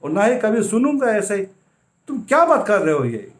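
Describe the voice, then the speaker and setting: A man voicing an excitable father who protests loudly, his voice pushed high. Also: moderate pace. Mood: indignant. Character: upset father, man, demanding his children back.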